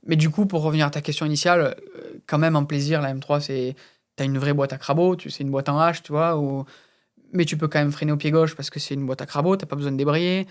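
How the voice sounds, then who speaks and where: A man's voice: on the high side, fairly even intonation, quick pace. A man from France as a guest on an interview, talking casually and hesitantly, with many fillers and repeated words. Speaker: guest racing driver and instructor.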